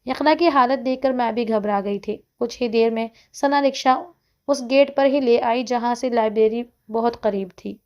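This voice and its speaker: A woman reading a first-person story aloud in a steady, conversational way. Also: on the high side. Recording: dull lo-fi recording.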